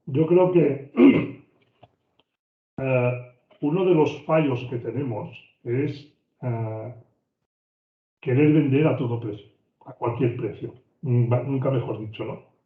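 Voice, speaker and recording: A man with a Spain Spanish accent teaches an online business course, speaking at an everyday pitch. He talks conversationally, circling back and repeating words as he builds each point. The audio is thin and phone-like, with a roomy echo from the online call. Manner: conversational, often repeats words and restarts phrases. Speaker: business trainer. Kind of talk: online training lecture. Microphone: video call microphone.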